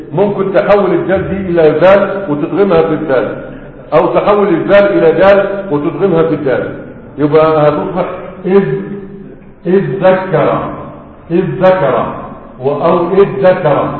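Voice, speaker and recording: A man with an Egyptian accent teaching Arabic morphology as a sheikh, drilling students with repeated questions and then answering himself. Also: on the high side. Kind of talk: classroom explanation. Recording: echoey hall on a tinny line.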